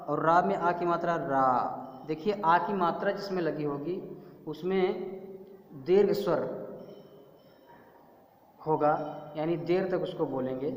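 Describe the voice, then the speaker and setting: A man teaching a young class, slowly spelling out syllables and repeating each word. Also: fairly high pitch. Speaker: primary school teacher. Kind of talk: slow classroom lesson. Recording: echoey room with long reverb.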